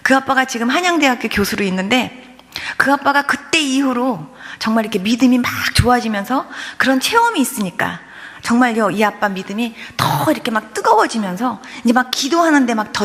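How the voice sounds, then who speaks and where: A woman's voice: on the high side, fairly bright tone. A woman pastor giving a testimony sermon, telling the story with animation and acting out the prayers and voices in it. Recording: long hall reverb.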